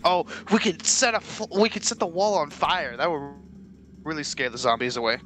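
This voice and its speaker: A man's voice: on the high side, moderate pace, fairly bright tone. A young man trading slangy, joking banter in casual game voice chat. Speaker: online co-op gamer. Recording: faint noise, game ambience.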